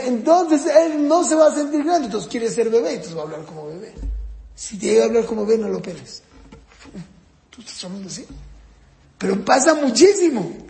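Man, parenting lecture, high-pitched, gravelly, quizzing the audience, long echoing hall reverb. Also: dark tone. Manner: asks the audience questions and acts out children and parents in raised voices. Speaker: parenting teacher. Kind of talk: lecture on child rearing.

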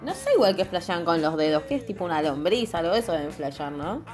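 A young woman with a Rioplatense accent co-hosting a casual chat, full of quick joking comebacks and slang. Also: lowish voice, very animated, over music. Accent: Rioplatense Spanish. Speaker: podcast co-host.

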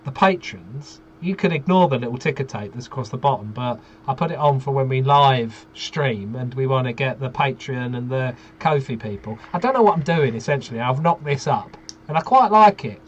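A man's voice: mid-range voice, lively intonation, moderate pace, a little hiss or hum. A man hosting a podcast, chatting in a dry, teasing way over a video call from his booth. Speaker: podcast host. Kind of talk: casual chat. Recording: dull lo-fi call audio with faint ambience.

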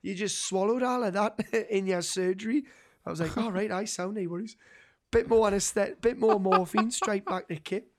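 A man's voice: high voice, moderate pace. A young man from North East England talks in a broad Geordie accent. He tells his story casually among friends, with plenty of slang and swearing, and slips into quoted dialogue as he goes.

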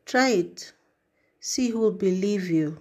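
A woman's voice: low voice, steady tone, measured pace, a little mellow, breathy edge, exaggerated voice. A woman voicing a smug, predatory young man in an audiobook reading, with a taunting, sneering delivery.

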